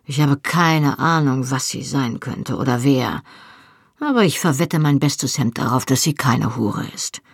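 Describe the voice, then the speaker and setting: A reader doing a gruff, decided Highland man. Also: animated, measured pace, no echo, clean studio sound, full character voice. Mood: firm. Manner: firm, decided. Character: gruff, greasy-haired Highland man, stubborn. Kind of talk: audiobook reading.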